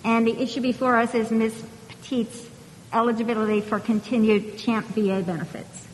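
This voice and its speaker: A woman presides over a formal hearing as judge, courteous and orderly. Her voice sits fairly high, carried through a reverberant hall with faint rumble. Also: flat delivery, normal speed. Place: large conference hall.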